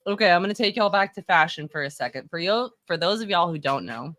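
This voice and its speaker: Fast and lively, with a lowish, somewhat bright voice, a woman from Texas in her thirties gives live-stream takes on wrestling fashion. She's opinionated and chatty, often correcting herself, and the studio-quality audio has no room sound.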